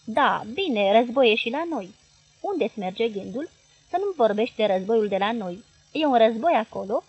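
A woman reading the part of an intense male hypnotist who coaxes and commands a girl in a trance, in a husky voice. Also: a little high, animated, dry recording, lo-fi sound. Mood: coaxing. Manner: insistent, urging.

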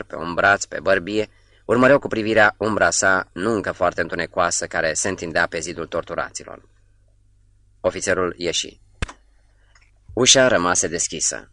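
A man reading a novel aloud in a measured, sombre way, dropping almost to a whisper on the quietest lines. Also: sits low, no echo, clean studio sound. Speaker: narrator. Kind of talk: literary audiobook reading.

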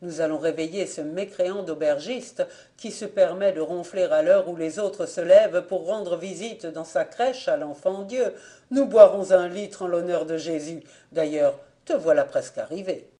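A woman's voice: lowish voice, moderate pace, dark tone, lightly acted. A woman reading the part of a jovial, thirsty male farmer fond of drink, in a boisterous manner.

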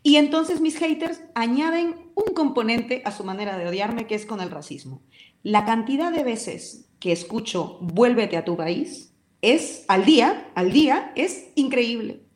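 Speaking at a measured pace, a woman from Peru with a fairly high, expressive and slightly mellow voice passionately and vehemently argues her views as a radio interview guest. She has a Peruvian accent, is an adult with ten years living abroad, and works as a talk show host and commentator. There's a roomy echo around her.

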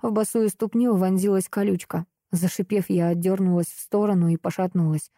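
A woman reading a first-person novel aloud, with expressive, wry storytelling. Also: medium pitch, brisk, no room sound, clean studio sound. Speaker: audiobook narrator.

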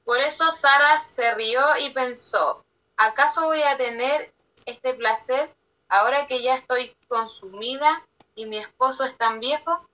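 A woman's voice: high voice, a little slow, bright, forceful tone, rough recording. A woman in a Bible class reading a scripture passage aloud.

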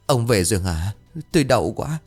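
A man's voice: on the low side, expressive, moderate pace, darkish tone, husky, soft background music. A man doing a pained injured wife. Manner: plaintive. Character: injured middle-aged wife, weak and pained.

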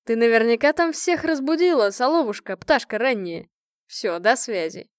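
A woman voicing a cheerful, loud male colonel who teases with mocking nicknames. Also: fairly high pitch, animated, moderate pace, no room sound, clean studio sound, natural voice. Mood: jovial teasing.

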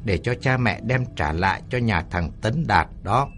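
A brash young man in an audio story, played by a male narrator. He talks back in a cocky, offhand way, his pitch moving freely. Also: expressive, moderate pace, a bit bright, slight background noise.

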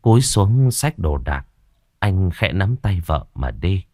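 A man narrating a ghost story audiobook in an expressive, dramatic manner. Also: low voice, slow, no room sound, studio quality.

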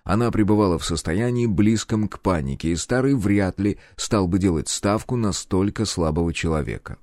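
A man narrating a first-person audiobook in a grim, deliberate, menacing way. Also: low voice, darkish tone, no echo, clean studio sound.

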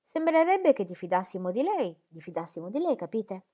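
Woman reading as a mild, rambling old gentleman. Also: medium pitch, big pitch swings, a little fast. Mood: placid. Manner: rambling, mild, keeps asking "capite?". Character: placid, stubborn older gentleman, rambling. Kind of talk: audiobook character reading.

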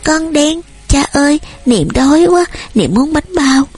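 A woman doing a small hungry little girl, high and pleading. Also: expressive, a little slow, a little mellow. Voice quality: childlike high voice.

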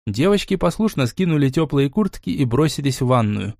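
A man narrating a fantasy audiobook in a measured, even reading. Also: medium pitch, vocal fry, no echo, studio quality. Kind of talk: scripted narration.

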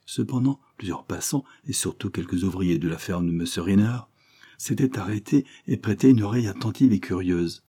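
A man narrating a classic novel as an audiobook, in a measured literary reading. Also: on the low side, dark tone, slightly rough. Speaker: audiobook reader. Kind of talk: scripted narration.

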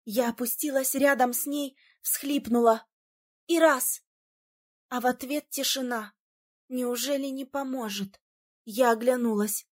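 A woman narrating a first-person fantasy audiobook in a dramatic, expressive reading. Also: on the high side, a little slow.

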